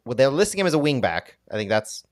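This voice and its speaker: A man's voice: mid-range voice, very animated, quick pace, no room sound, studio quality. A man co-hosting a casual soccer live stream, talking in a rambling, hesitant way with many fillers. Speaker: podcast co-host.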